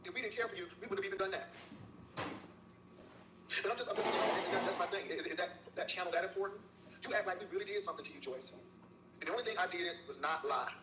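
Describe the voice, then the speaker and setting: In this YouTube clip, a racing, high-sitting male voice lectures a rival with fiery self-righteousness, repeatedly using her name as he scolds her. The mic is distant, the room echoes, and there's a faint hiss.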